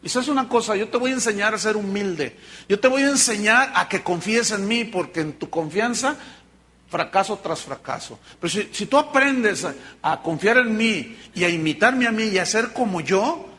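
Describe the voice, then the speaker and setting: A preacher voicing a calm fatherly Jesus. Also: high-pitched, moderate pace. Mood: firm. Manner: gentle, fatherly, conversational. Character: Jesus, a calm patient man teacher.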